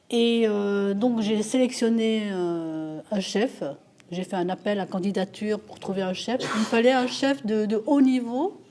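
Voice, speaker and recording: A Belgian-born woman who directs an events agency, answering interview questions in a halting way, with frequent fillers and repeated words. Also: medium pitch, mellow.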